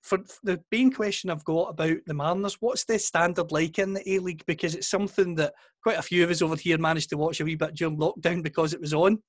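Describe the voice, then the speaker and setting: A man's voice: fairly high pitch, steady tone, fast, few pauses, no echo, studio quality. A man with a Scottish accent hosting a show, putting casual interview questions to a guest.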